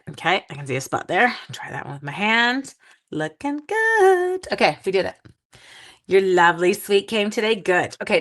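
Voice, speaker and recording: In this casual crafting demo, a groggy, half-asleep woman chats with her live-stream viewers while working, adding playful sound effects along the way. She speaks in a lowish voice with a slightly bright quality.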